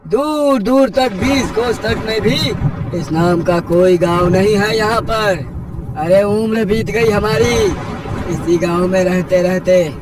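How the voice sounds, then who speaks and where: A man's voice: sits high, a little hiss or hum, voice pushed up. A man voicing a blunt, scolding elderly village uncle who lectures in rustic rhetorical questions. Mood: insistent. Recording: distant mic with loud music.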